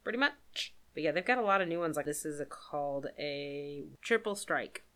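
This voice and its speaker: A woman's voice: low-pitched, moderate pace, fairly bright tone. A woman co-hosting a podcast in casual chat, talkative, laughing often and trailing off mid-sentence. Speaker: podcast co-host.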